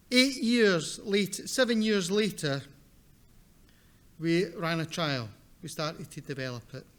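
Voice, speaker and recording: A man with a broad Scottish accent giving a conference presentation in a deliberate, direct, emphatic manner, repeating points for weight. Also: high voice. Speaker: seminar presenter, academic.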